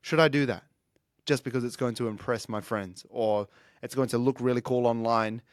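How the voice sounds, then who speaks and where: Recorded clean in a studio with no room sound, a man in his thirties talks at normal speed with medium pitch and fairly even intonation. Hosting his own show as a fitness coach, he works through life lessons earnestly and reflectively, restarting sentences often.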